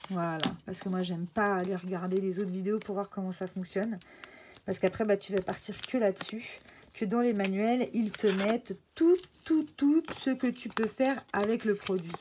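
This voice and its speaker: Woman, casual unboxing vlog, chatty, excitable, home craft table, faint background noise. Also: medium pitch, normal speed. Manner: chatty, excited, full of fillers and restarts. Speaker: craft vlogger.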